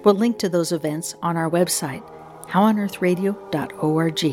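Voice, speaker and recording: A woman's voice: on the low side, normal speed, a little mellow, faint music behind. An American woman hosting a radio science show, reading scripted narration and asking questions in a curious way.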